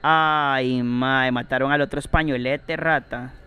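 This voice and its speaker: A young man giving excitable, swear-filled commentary while streaming a game, yelling when scared. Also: medium pitch, unhurried, smooth, dull audio. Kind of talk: let's play commentary.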